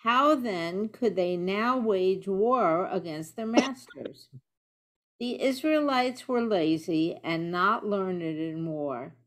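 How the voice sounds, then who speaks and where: A woman's voice: medium pitch, slow pace. A woman in a virtual study group, reading a commentary aloud carefully over a video call.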